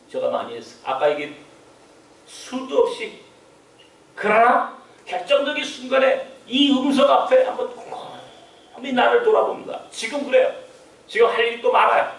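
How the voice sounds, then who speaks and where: A high-pitched man preaches with emphatic energy, firing rhetorical questions and chuckling asides. His voice fills a roomy church and reaches the mic from a distance, so it sounds slightly removed. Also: slight background noise. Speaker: pastor. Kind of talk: sermon. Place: church sanctuary.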